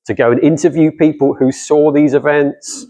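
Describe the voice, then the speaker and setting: This middle-aged man's voice is on the high side yet dark in tone, steady and at a normal speed. Visiting a church as a guest speaker, and not from Cardiff, he talks about scripture conversationally and asks his audience questions.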